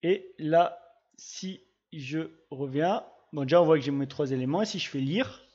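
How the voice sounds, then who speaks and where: A man talks through a software demo in a relaxed, chatty way, narrating every click as he goes. His voice sits a little high for a man. The recording is dull and lo-fi, from a desktop mic. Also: moderate pace, breathy edge. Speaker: GIS tutorial presenter. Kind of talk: casual screen-recorded software tutorial.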